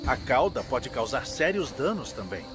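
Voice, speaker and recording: A man's voice: mid-range voice, sing-song, moderate pace. A man narrating a scripted nature documentary in a dramatic manner. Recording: loud music behind the voice. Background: loud music.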